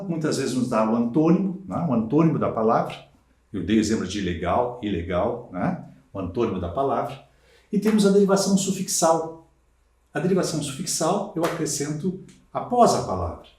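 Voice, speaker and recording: Animated Brazilian man teaching a class. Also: fairly low pitch. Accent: Brazilian Portuguese. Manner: didactic, stretches key words slowly, checks in with "né?". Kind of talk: recorded lecture. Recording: roomy sound from a distant mic.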